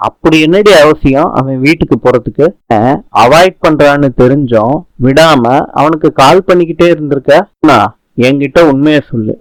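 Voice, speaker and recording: A man reading the lines of a scolding, protective older sister who fires sharp questions, in a dry recording. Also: fairly high pitch, normal speed, no room sound, natural voice, rough recording.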